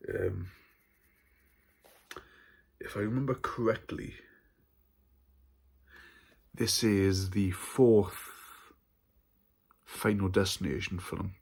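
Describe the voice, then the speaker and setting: A man talks casually to camera in a haul vlog about horror films. His voice sits low and has a husky edge. He is chatty and stumbles over his words at times. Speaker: horror film channel host.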